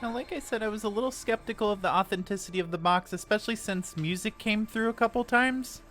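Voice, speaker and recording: A woman's voice: mid-range voice, fast, a bit bright. A woman giving a casual, candid voice-over narration as host of a ghost-hunting vlog.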